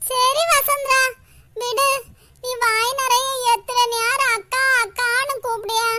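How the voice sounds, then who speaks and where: A kindly cartoon grandmother, voiced by a woman, soothes and reassures in a very high, bright voice. The sound is dry and close, with no room around it. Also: fairly even intonation, slow, no room sound, heavily acted. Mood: caring. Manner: warm, reassuring, motherly. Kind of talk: cartoon voice acting.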